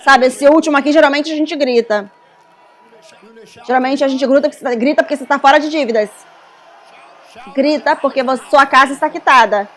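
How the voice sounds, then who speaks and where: A woman interpreting a preacher's sermon, with fervent, repeated shouted exhortations. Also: high-pitched, fairly quick, pauses often. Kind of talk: live interpretation of a fiery sermon.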